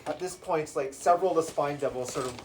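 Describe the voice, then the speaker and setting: A man's voice: fairly high pitch, quick pace, a little hiss or hum. A man narrating a tabletop game as game master, hesitant and full of fillers. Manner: hesitant, many "sort of" fillers.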